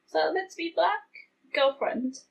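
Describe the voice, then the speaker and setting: A woman's voice: sits high, slow pace, gravelly. A woman vlogger chatting casually to camera in a rambling, self-deprecating way, with a slightly tinny sound. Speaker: beauty vlogger. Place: hot room at home, window open.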